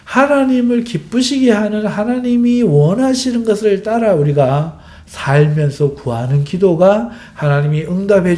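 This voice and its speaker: A male pastor preaching a lively sermon, acting out everyday dialogue to illustrate his points. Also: high-pitched.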